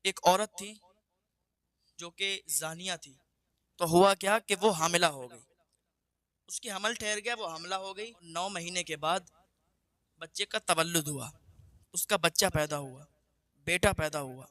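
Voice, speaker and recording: Man, religious storyteller, earnest repetitive preaching, bright tense tone. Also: high voice, long pauses, no room sound.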